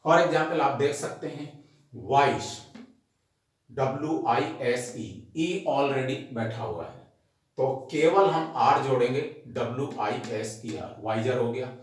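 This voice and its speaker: A man teaching English grammar to students. He explains each rule slowly and patiently, spells words out letter by letter, and repeats every point. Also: medium pitch. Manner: addresses the class directly as students. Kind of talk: recorded grammar lesson. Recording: very echoey room.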